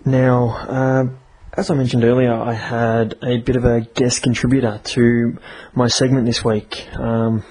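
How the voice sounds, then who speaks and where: Flat-voiced man reviewing comics. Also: mid-range voice, a little hiss or hum, low-quality recording. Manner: chatty, halting with many fillers. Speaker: comic book podcast reviewer. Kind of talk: casual review and story reading.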